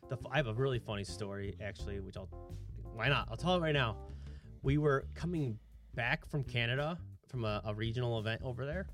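A man in his thirties from Michigan chats casually as a podcast co-host. He tells stories with animation and jumps between asides, at an average pitch. Faint guitar music plays behind him. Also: brisk. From Michigan, USA. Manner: storytelling, animated retelling. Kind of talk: casual chat.

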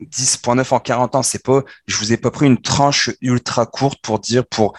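A Québécois man in his thirties explains savings and retirement numbers in casual podcast chat. He talks fast, restarts his sentences and gets animated. The sound is dry and close, with almost no room. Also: mid-range voice, breathy edge, dry recording. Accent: Québécois French. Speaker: podcast co-host explaining personal finance.

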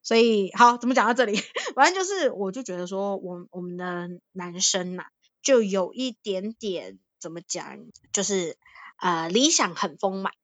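A woman from Thailand co-hosting a podcast, telling stories in a casual, animated way, often laughing and acting out the voices she quotes. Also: medium pitch, moderate pace, dry recording. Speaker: podcast co-host. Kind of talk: casual storytelling chat.

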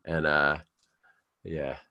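A man's voice: a bass voice, flat delivery, extremely slow, pushed and bright, smooth, dry recording, highs cut off. A man co-hosting a podcast in casual chat, teasing and joking. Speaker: podcast co-host.

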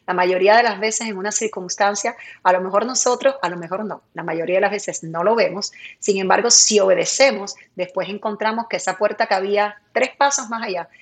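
A woman from Cuba who works as a TV presenter, chatting lively in an interview and often laughing as she talks. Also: mid-range voice, fairly quick, hardly any pauses. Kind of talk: casual interview chat.

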